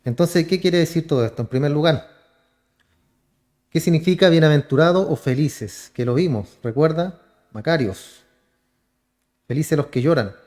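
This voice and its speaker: A male pastor with a Chilean accent delivers a sermon. His voice sits a little high for a man. He keeps addressing the congregation directly and asking them rhetorical questions. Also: normal speed, long pauses, darkish tone. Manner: calls the congregation brother, asks rhetorical questions.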